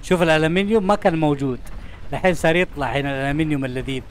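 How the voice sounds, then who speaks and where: A young man rattles through his let's-play commentary at a rapid clip. His voice sits a little high, and he keeps up an excitable, chatty patter, talking straight to the game and everything in it. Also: slight background noise. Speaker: gaming channel host.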